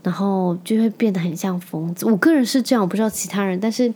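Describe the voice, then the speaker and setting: A woman's voice: medium pitch, fast talker, mellow. A woman, a podcast host and mother telling a story in a chatty, venting way and dropping in English words. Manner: chatty, vents angrily, drops in English words. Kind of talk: casual storytelling monologue.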